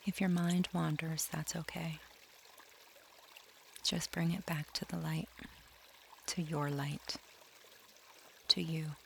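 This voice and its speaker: Soft gravelly man guiding a meditation. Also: a little high, level tone, a little hiss or hum. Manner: slow, soft and soothing, drifting into near-whispers. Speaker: meditation guide. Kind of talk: scripted guided meditation.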